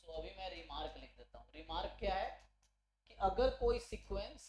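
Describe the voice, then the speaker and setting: A man's voice: sits high, animated, brisk, noisy background. A man giving an online exam-prep maths lecture. He explains step by step, keeps checking in with his students, and corrects himself mid-sentence. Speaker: maths teacher.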